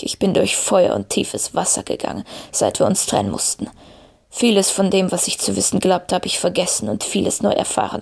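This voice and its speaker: A woman voicing an old male wizard who speaks slowly and gravely, calm and wise. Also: lowish voice, exaggerated voice. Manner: slow, grave, measured speech.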